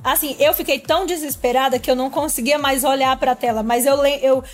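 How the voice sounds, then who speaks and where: A woman's voice: high-pitched, steady tone, a little fast. A woman guest on a podcast interview, animatedly telling her story and acting out her own thoughts from that time. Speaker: guest, former reality show contestant.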